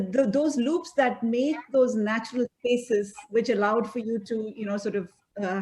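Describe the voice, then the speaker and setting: A woman's voice: mid-range voice, darkish tone. A woman judge giving feedback on a video call, hesitant, with many repeats and restarts.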